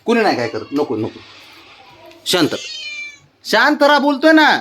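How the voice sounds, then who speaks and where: A man murmuring baby talk to an anxious pet, his voice rising and falling freely from low hums to bright coaxing calls. He keeps it gentle and patient, repeating the same calm reassurances again and again. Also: normal speed, slight background noise. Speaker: pet owner vlogger.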